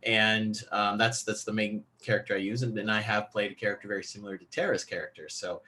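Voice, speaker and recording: A man who plays tabletop games, chatting casually about his play in a polite, hesitant, measured way. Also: on the low side, little pitch movement, pushed and bright. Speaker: tabletop game player. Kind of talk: casual interview-like chat.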